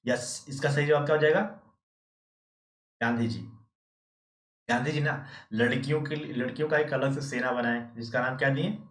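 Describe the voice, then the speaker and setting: A man's voice: medium pitch, steady tone, normal speed, pauses often, fairly bright tone. A man teaching history as a quiz host, asking questions and answering them himself, and answering viewers by name. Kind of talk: live quiz lesson. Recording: echoey room, distant mic.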